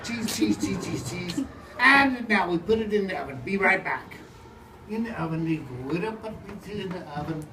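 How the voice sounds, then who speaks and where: A woman with a mid-range voice, lightly acted and at a moderate pace, plays a brusque, grumbling pizza maker in an improvised comic puppet show. She mutters busily in broken English, dropping words. The mic is distant and roomy, with background noise.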